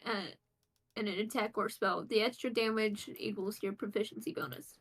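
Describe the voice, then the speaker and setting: A woman's voice: mid-range voice, steady tone, moderate pace, breathy edge, low-quality recording. A woman playing a tabletop game, reading out abilities in a hesitant way with many restarts. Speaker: player. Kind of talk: tabletop role-play chat.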